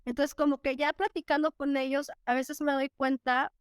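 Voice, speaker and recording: A woman's voice: high voice, flat delivery, normal speed, no echo, studio quality. A Mexican woman in her thirties, a teacher and interview guest, telling stories reflectively with many fillers and restarts.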